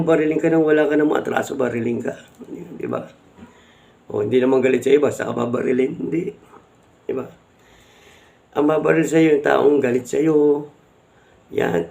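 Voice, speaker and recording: A man's voice: mid-range voice, brisk, creaky, pauses often, mellow. A middle-aged man with a Filipino accent explains amulets to viewers in casual talk, repeating points and asking if they understand. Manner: repetitive, rhetorical, keeps asking viewers to agree. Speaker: amulet vlogger.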